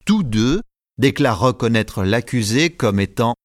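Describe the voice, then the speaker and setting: A man narrating a story as an audiobook, in a measured, clear storytelling delivery. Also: medium pitch, animated, dry recording, studio quality.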